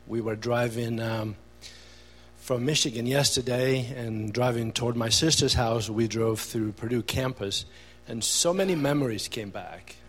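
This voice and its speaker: A man's voice: medium pitch, a bit bright, big-room sound. Albanian-accented man giving a church testimony. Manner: earnest, halting with fillers. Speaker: guest speaker.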